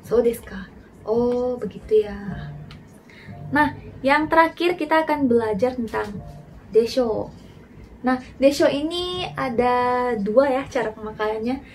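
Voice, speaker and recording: A woman teaching a casual language lesson, slowing down to say model sentences carefully between quicker explanations. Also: fairly high pitch, darkish tone, slight background noise.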